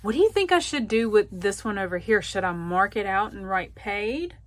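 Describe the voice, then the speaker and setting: A woman's voice: mid-range voice, lively intonation, moderate pace. A woman with a Southern US accent, chatting casually to her viewers as a budgeting vlogger, laughing often. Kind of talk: casual direct-to-camera chat.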